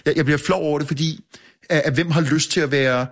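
A man's voice: a little high, fairly even intonation. A man with a slightly raised voice tells a story in casual chat, stumbling over his words and repeating himself. He chuckles at himself often as he goes. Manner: halting, many restarts and fillers. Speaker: guest, newspaper editor.

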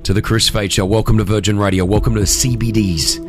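A man hosting a breakfast radio show, energetic and joking as he runs a call-in game. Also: on the low side. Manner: energetic, joking, quick restarts. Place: radio studio. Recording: music bed under the voice.

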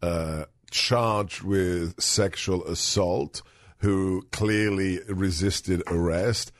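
A male talk radio host chatting about politics in an animated, sarcastic, incredulous manner. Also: low voice, no room sound, clean studio sound.

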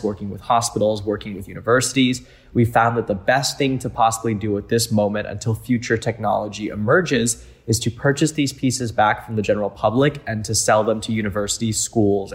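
Lowish-voiced man explaining earnestly. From Thailand. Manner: earnest, explanatory, with frequent fillers. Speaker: museum founder, guest. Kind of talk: interview answers.

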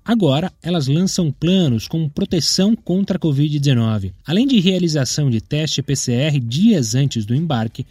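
A man's voice: a little high, mellow, slightly rough, dry recording. A man with a Brazilian accent reading scripted news narration as a presenter.

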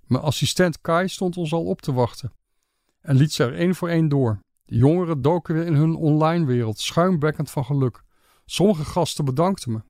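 A man narrating an audiobook in a calm, measured, matter-of-fact way. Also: fairly high pitch, dry recording, clean studio sound.

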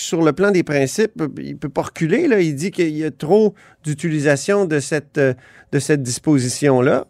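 Gravelly post-flu male Quebec radio host. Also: a little high, studio quality. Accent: Quebec French. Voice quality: gravelly, cavernous voice. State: hoarse after a flu. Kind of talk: conversational political interview.

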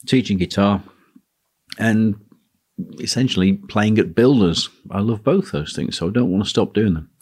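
A man hosting a solo talk on running a teaching business, speaking in a relaxed, musing way. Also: lowish voice. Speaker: podcast host, guitar teacher.

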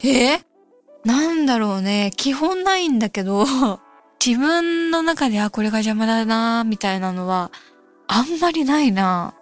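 A young adult woman from Kansai hosting a radio show, reading listener mail and musing aloud in a relaxed, casual way. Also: high voice, a little slow. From Kansai, Japan. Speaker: radio host. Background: soft background music.

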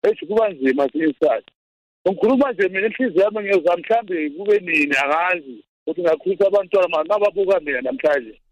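A South African man phoning a radio show, giving a personal account in a halting, repetitive way over a phone. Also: sits high, lively intonation, dry recording. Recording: dull lo-fi phone-in line.

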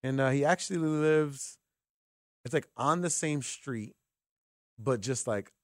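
Taking a slow pace, a medium-pitched man hosts a sports radio show from the studio, chatting informally and acting out dialogue as he tells animated stories. The studio-quality recording has no echo.

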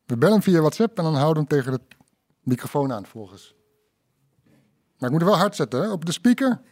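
A man's voice: a little high, big pitch swings, fast, darkish tone. A man hosting a casual podcast, playful and joking as he leads the conversation. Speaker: podcast host.

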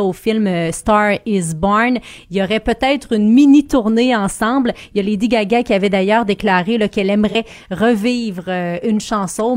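A woman with a Quebec French accent, co-hosting a radio show, reading news in a breezy, casual way with many fillers. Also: medium pitch. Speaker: radio co-host.

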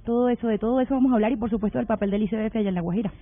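A woman co-hosts a radio show, rattling off her points at a very fast clip. The sound is squeezed into a narrow, phone-like band. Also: a little high. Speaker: radio co-host.

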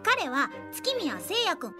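A woman's voice: high-pitched, wildly swooping pitch, takes it slowly, over music, exaggerated voice. A woman playing a friendly teenage schoolgirl in an anime audio drama, with a sweet, teasing manner.

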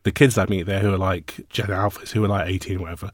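Low-voiced guy in his 50s musing about music, dry sound, lots of um and like. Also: quick pace, no echo. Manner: reflective, animated, rambling with fillers. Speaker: musician guest. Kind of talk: interview conversation.

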